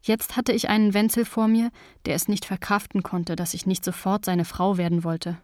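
A woman reading a novel aloud in the first person, calm and measured. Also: mid-range voice, no room sound, clean studio sound. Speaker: audiobook narrator. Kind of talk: scripted first-person narration.

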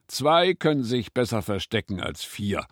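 A man voicing a calm, caring mother hare in a storybook reading. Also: lowish voice, a little slow, no room sound, studio quality, pitched above the performer's own voice. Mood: explaining.

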